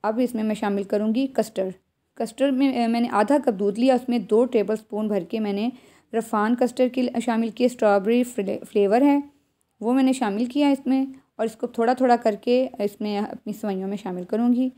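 Her voice on the high side and warm, a woman with a Pakistani accent speaks fairly quickly with fairly even intonation. She narrates a recipe as a home cook, instructing viewers directly at each step of the tutorial.

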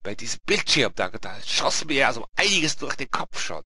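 A male gamer chatting casually to his viewers, rambling with many restarts and tag questions. His pitch leaps around lively, his tone is bright and forceful, and the close-mic'd, dry sound keeps him right at the ear. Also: moderate pace, breathy edge, no room sound. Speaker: let's play gamer.

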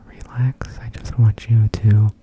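A man in his thirties doing fast, aggressive ASMR in a breathy whisper close to the microphone, rapidly repeating short phrases. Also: lowish voice, little pitch movement, very noisy. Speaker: ASMR creator. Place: small indoor room. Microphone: close desktop condenser microphone.

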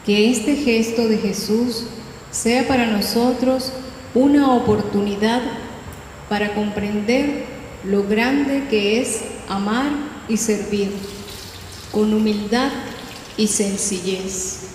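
A woman's voice: mid-range voice, slow, darkish tone. A woman giving solemn scripted commentary on a church rite, in a cathedral-like echo. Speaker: liturgical commentator. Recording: echoey church, faint noise.

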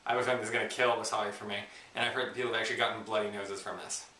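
A man's voice: on the low side, fairly even intonation, very fast, bright, forceful tone, a little hiss or hum. A man chatting casually to camera in an informal, self-deprecating, joking way as a challenge vlogger. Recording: roomy echo, distant microphone.

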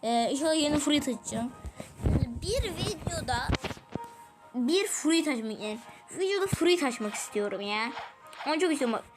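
A Turkish-accented woman commentating her gameplay to viewers, excitable, groaning and exclaiming as she plays. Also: high-pitched, moderate pace, poor audio. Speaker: gaming channel host. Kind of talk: let's-play gameplay commentary. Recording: loud game music behind the voice.

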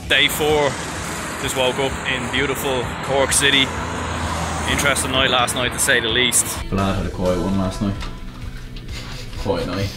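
A man's voice: mid-range voice, steady tone, a little slow, pauses often. A man, casually narrating a road-trip vlog into a handheld camera, upbeat and slangy. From Ireland. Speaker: travel vlogger. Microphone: handheld camera at arm's length. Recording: loud music bed under the voice.

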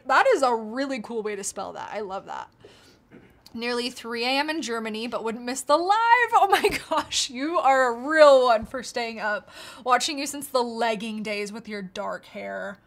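A woman's voice: a little high, expressive, moderate pace. A young American woman casually chatting on a livestream, bubbly and reading out viewer comments. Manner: bubbly, reads out chat comments. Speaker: YouTuber hosting a livestream.

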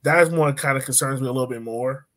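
Speaking fast with a medium-pitched, fairly bright tone, this soccer podcast co-host in his thirties chats casually from home. The conversation happens over a video call, captured on its microphone.

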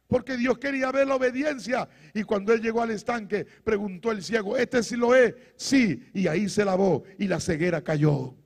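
A male pastor preaching a fiery sermon, calling out to the congregation and rising to shouts. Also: high voice. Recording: long hall reverb.

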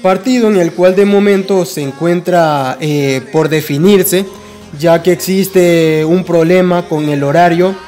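A young man talks through football news for his fan channel in a loose, conversational way. His voice sits a little on the high side, and he often hesitates and restarts. Faint music plays quietly behind him. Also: fairly even intonation, unhurried. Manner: conversational, frequent fillers and restarts. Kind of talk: casual fan news commentary.

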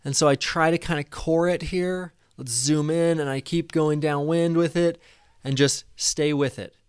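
A man in his thirties giving a casual, excited commentary over a replay of his own flight, at a desk microphone in a small room. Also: a little high, a little slow, clean tone, no room sound, studio quality. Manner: enthusiastic, casual, swears when excited. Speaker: paragliding vlogger. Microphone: desk microphone in front.

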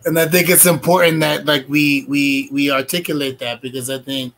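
A man's voice: fairly high pitch, flat delivery, moderate pace, fairly bright tone, low-quality recording. A man in his forties, a curator hosting a video-call interview, asking long, rambling questions in a friendly way. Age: 40s. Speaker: curator host.

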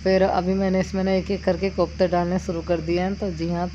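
A chatty woman with a lowish voice talks through her cooking in a village kitchen, explaining each step in a homely way. The sound is dull and lo-fi, and crickets and insects chirp clearly behind her. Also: flat delivery, fairly quick, mellow. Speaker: village vlogger. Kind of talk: cooking vlog narration. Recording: dull lo-fi sound with outdoor noise.

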